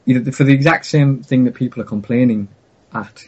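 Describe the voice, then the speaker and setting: Male, Teesside accent, husky voice, casual hesitant chat, slightly dull lo-fi recording. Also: medium pitch, fairly quick, a little mellow. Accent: north-east English, Teesside. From north-east England, Teesside area. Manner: rambling, hesitant, often breaking off mid-sentence. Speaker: gaming video creator, interview guest.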